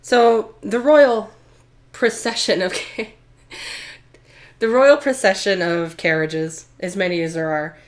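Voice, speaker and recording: A woman's voice: mid-range voice, fairly even intonation, takes it slowly, pauses often. A woman acting as game master, mixing improvised story narration with playful, theatrical, emphatic chat.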